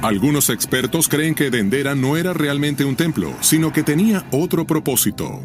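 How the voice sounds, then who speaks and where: A man's voice: a little high, sing-song, moderate pace. A man narrating a scripted documentary in a nature documentary style, dramatic and intriguing, often posing questions. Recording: music bed behind the voice.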